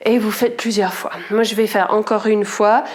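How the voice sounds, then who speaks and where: A woman teaching a yoga class, giving calm cues in time with the breath, a little out of breath and stuffy with a cold. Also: medium pitch, moderate pace. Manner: calm cues timed to the breath, some lines whispered. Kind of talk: guided yoga class instruction.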